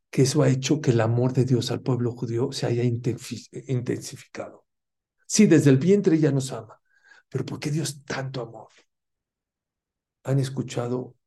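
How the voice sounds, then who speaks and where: A man with a warm, mid-range voice delivers a fervent Torah lesson. He poses rhetorical questions to his listeners and works Hebrew terms into his talk.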